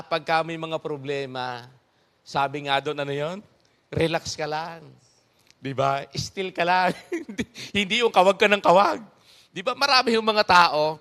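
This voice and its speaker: Chuckling man preaching, a bit high-voiced. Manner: animated, chuckling, rhetorical asides to the congregation. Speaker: pastor. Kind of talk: conversational sermon.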